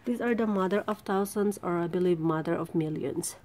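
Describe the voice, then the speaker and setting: A woman giving a casual, halting, rambling vlog narration outdoors in a backyard, filming with a handheld camera. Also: on the low side, darkish tone. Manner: informal, halting, rambling delivery. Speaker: vlogger showing their plants. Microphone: handheld camera, behind the lens. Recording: outdoor background noise.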